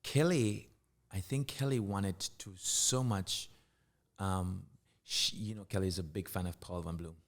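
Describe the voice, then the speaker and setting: A very low-voiced middle-aged man talks in an easy interview. He speaks reflectively and haltingly, often stopping and starting his sentences over as he recalls things. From Jamaica. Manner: reflective, halting, with frequent restarts. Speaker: guest artist and curator. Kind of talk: casual interview conversation.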